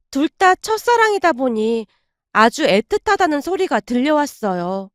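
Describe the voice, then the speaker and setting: A woman narrating a first-person family story, reading every part herself and raising her voice for the shouting. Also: high voice, no echo, studio quality.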